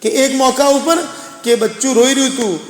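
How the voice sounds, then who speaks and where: A man's voice: extremely high pitch, steady tone, a little fast. A man preaching a sermon to women, earnest and exhorting, repeating phrases for emphasis. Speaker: religious preacher addressing women. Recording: echoey hall with long reverb.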